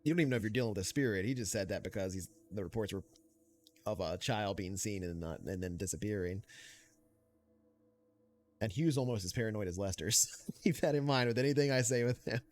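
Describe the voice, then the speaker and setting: A man narrating a tabletop game as game master, relaxed and rambling. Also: fairly low pitch, fairly quick.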